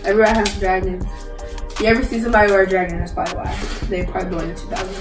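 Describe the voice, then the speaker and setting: A woman's voice: medium pitch, rapid-fire. A young woman guest on a vlog, chatting in a slangy, talkative way. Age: young adult. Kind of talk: casual chat. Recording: echoey room, mic at a distance, faint music.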